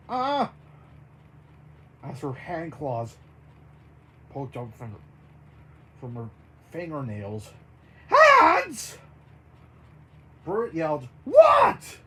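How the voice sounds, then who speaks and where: Halting amateur storyteller. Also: mid-range voice, noisy background. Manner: halting, full of restarts and spelled-out names. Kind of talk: improvised story narration.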